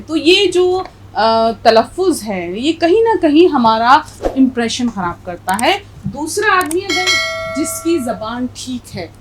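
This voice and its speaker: A middle-aged woman speaks in a slightly high voice as she teaches a language lesson. She talks slowly and patiently, spelling words out letter by letter and stressing correct pronunciation. A faint hiss sits under the recording. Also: poor audio. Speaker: Urdu teacher.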